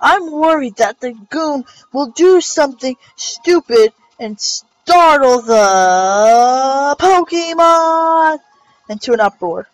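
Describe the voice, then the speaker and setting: A woman voicing a worried man who was digging a tunnel, reading his game lines slowly and overdramatically. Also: sits high, lively intonation, no room sound, voice pushed up. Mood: overdramatic. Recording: dull lo-fi recording with faint music.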